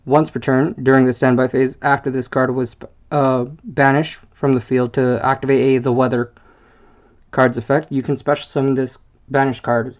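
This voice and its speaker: A man presenting a card game deck, reading the card text aloud in a halting way, stumbling over wordings and filling gaps with "uh". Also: medium pitch, level tone, dull audio.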